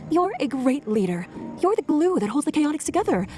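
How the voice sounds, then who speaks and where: Cartoon audio drama: kindly motherly rabbit lady, high lilting voice, music underneath. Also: big pitch swings, brisk, a little mellow. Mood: encouraging. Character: gentle, encouraging motherly female rabbit. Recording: music behind the voice.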